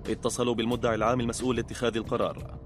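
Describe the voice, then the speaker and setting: Brief: male documentary narrator, rapid scripted read, faint music bed. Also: medium pitch. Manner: fast, even, informative delivery.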